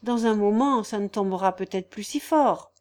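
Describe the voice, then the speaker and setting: A woman's voice: mid-range voice, moderate pace, a little mellow, close to an everyday voice. A woman reading a novel aloud voices a simple, devout young peasant girl with artless, rustic phrasing. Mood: earnest. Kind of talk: audiobook character voice.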